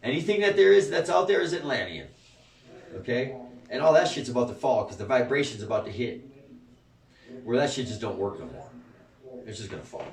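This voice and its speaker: A man leading a spiritual gathering, rambling and profane, laughing often and swinging between soft and loud. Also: mid-range voice, lively intonation, a little fast, vocal fry, pauses often. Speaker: spiritual group leader. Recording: echoey room, far from the mic.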